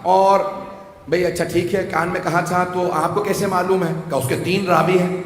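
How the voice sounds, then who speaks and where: A man preaching a rhetorical sermon to a gathering, rising to shouts and making joking asides. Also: high voice, little pitch movement. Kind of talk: Urdu majlis sermon. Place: large hall with audience. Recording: echoey hall, faint ambience.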